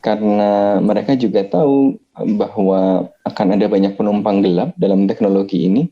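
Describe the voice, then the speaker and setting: A man talking in a casual podcast discussion, thinking aloud with many pauses and filler sounds, with an Indonesian accent. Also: fairly low pitch, steady tone, highs cut off. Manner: thoughtful, many hesitations.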